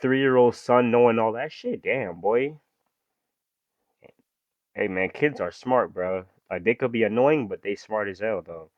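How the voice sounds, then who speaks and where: Reading true-crime text aloud, a young male reaction video host keeps stopping for casual, slangy remarks. His voice is lowish and a little slow, and the dry recording has its highs cut off.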